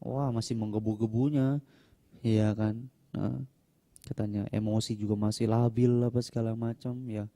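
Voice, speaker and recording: Dark-voiced young monk telling stories. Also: male voice, little pitch movement, normal speed. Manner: chatty, acts out quoted people with raised pitch. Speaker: Buddhist monk answering questions. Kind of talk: casual storytelling in a Q&A talk. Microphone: no microphone, voice sometimes quiet.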